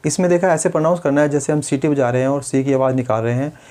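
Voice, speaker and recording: A man, a speech therapist calmly explaining exercises step by step. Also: medium pitch, quick pace. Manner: patient, step-by-step, demonstrates sounds. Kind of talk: instructional demonstration.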